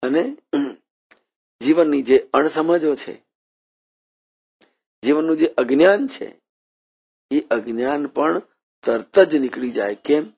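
A man giving a devotional sermon, telling stories with quoted voices and reciting verses, his loudness swinging widely. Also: on the high side, slow pace, pauses often. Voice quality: gravelly, husky voice. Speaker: preacher.

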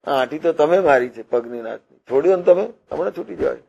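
A man's voice: on the high side, animated, brisk, vocal fry, dark tone, husky, muffled recording, full character voice. A man voicing a crowd of neighbors who bluntly tell a holy man he has gone mad. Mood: incredulous.

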